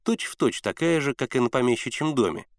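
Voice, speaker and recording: Male audiobook narrator, lively storyteller, dry booth sound. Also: mid-range voice, brisk, dry recording. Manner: expressive, animated storytelling. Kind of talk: audiobook reading.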